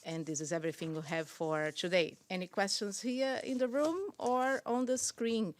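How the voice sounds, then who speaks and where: A woman's voice: medium pitch, fairly even intonation, moderate pace, slight background noise. A woman spokesperson running a press briefing, polite and hesitant with many fillers. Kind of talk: press briefing, answering questions.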